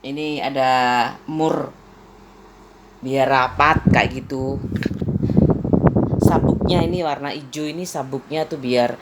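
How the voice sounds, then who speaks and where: Woman, middle-aged, rambling home vlog, laughs a lot, low voice. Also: steady tone, takes it slowly, long pauses, very noisy. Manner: rambling, chatty, laughs often. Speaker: vlogger. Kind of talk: casual chat vlog.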